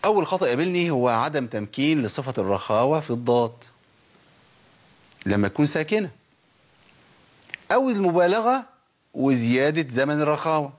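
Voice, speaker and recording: A man with an Egyptian Arabic accent teaching Quran recitation on a program, drilling pronunciation by drawing sounds out slowly and asking his listeners questions. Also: mid-range voice. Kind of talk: tajweed lesson on a program.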